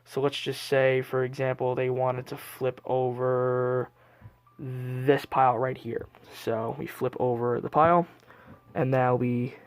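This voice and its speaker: A man presenting as a card magician, explaining each step to viewers in a patter-like way. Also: medium pitch. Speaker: card magician and video host. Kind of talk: card trick performance narration, addressed to viewers. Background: music.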